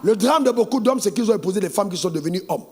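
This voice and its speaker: High-voiced preacher, sing-song and animated. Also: male voice, fast, husky. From Côte d'Ivoire. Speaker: pastor. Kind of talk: sermon.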